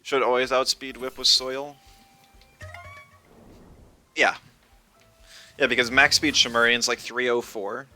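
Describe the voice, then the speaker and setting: A man's voice: medium pitch, little pitch movement, bright, forceful tone, soft background music. A man streaming a competitive game, casually thinking aloud about his moves as he plays. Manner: thinking aloud, chatty, quick asides and laughs. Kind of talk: casual live game commentary.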